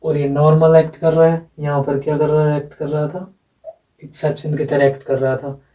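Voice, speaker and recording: A man's voice: a little high, level tone, a little fast, dark tone. A man teaching phonetics, explaining step by step, repeating words and spelling them out letter by letter. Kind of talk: blackboard lesson explanation. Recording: echoey room, voice from a distance.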